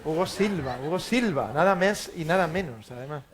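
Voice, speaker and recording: A man's voice: a little high, expressive, moderate pace. A man hosting an onstage talk in an auditorium, dropping in short joking asides and questions. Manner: joking asides, brief interjections. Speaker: host, interviewer. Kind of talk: casual onstage conversation.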